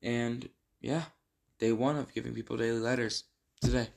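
A man's voice: medium pitch, little pitch movement, normal speed, gravelly, heavy background noise. A young man earnestly reading a heartfelt thank-you letter he wrote, then adding his own unscripted remarks. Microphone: recorded to camera for posting.

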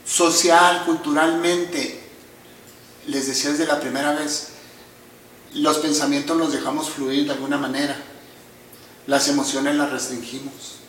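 In an echoey room with a distant mic and a little hiss or hum, a fairly high-pitched middle-aged man explains emotions as a psychotherapist guest. He's teacherly, calm and measured, and frequently speaks straight to the listeners.

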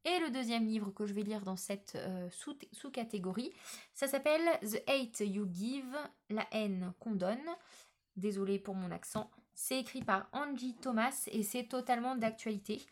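Hesitant woman chatting about books. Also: medium pitch. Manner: hesitant, frequent filler sounds and restarts. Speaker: book vlogger. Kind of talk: casual book vlog chat.

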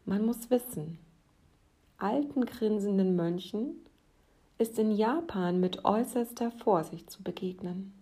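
Slow, softly spoken woman storyteller. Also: mid-range voice. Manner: soft, calm, often sinking to a whisper.

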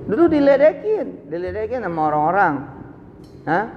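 A man preaching a live sermon, telling stories with sudden swings from low asides to high exclamations. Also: sing-song, moderate pace, big-room sound, muffled recording, slight background noise. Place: large hall, live event.

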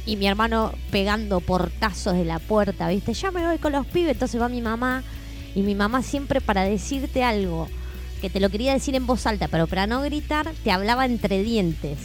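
A woman's voice: mid-range voice, normal speed, faint music behind. A woman with an Argentine accent, co-hosting a radio chat show and animatedly acting out family stories. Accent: Argentine Spanish. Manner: animated, acts out family scenes. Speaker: co-host. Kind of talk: casual radio chat, storytelling.

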